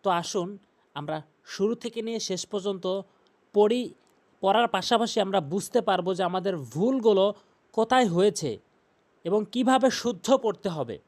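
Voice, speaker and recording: A man teaching Quran recitation, patiently repeating pronunciation rules and chanting slow examples. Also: high voice, lively intonation. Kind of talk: recitation lesson.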